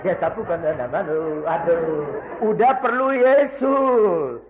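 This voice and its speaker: A man preaching a lively sermon full of humorous stories, jumping from loud shouts to hushed asides and acting out the people he quotes. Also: fairly high pitch, slow pace, noisy background. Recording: dull lo-fi recording.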